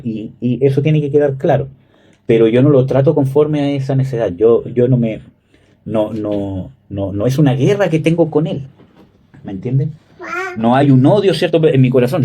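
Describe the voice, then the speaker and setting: A man in his thirties preaching a sermon in a conversational way, often checking with listeners and pausing on fillers. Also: mid-range voice, warm tone, slightly rough. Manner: conversational, frequent "¿cierto?" and "¿me entiende?" checks; hesitant fillers, "¿cómo se llama?". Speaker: pastor.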